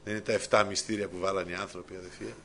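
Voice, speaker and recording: A man's voice: deep voice, flat delivery, slight background noise. Fervent male preacher. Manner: fervent, rising to loud emotional peaks; addresses congregation as brothers often. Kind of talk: sermon.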